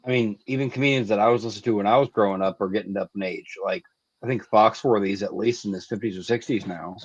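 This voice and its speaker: A man from the United States chatting casually, fast and low-pitched. The sound is dry and a little dull, with no room to it. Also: slightly rough, no echo. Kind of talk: casual chat.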